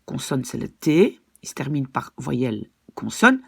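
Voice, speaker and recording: A woman's voice: extremely low pitch, big pitch swings, unhurried, gravelly, husky. A woman language teacher patiently explaining grammar rules and often checking that her students follow.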